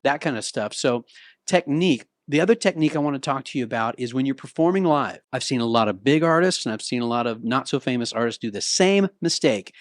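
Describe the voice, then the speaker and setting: A man's voice: medium pitch, expressive, quick pace, dry recording, studio quality. A middle-aged man giving a casual, conversational singing lesson, sometimes breaking into short sung demonstrations. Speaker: vocal coach. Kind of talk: talking-to-camera singing lesson. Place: Nashville.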